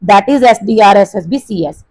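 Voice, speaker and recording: Expressive and a little mellow, this mid-range female voice belongs to a teacher with an Indian accent who mixes Hindi and English while going over a textbook exercise. She slows down and stresses example sentences as she reads them, and the recording is dry but of poor quality.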